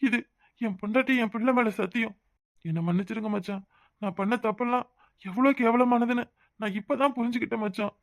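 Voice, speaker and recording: A man voicing a remorseful cartoon man who pleads and reproaches himself. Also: high-pitched. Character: remorseful man pleading with his brother-in-law. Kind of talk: cartoon voice acting.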